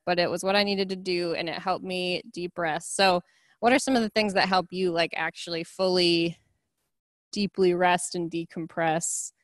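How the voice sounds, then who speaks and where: A woman's voice: lowish voice, a bit bright, dry recording. A woman leading a casual online church group discussion, chatty and saying "like" often. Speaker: worship leader.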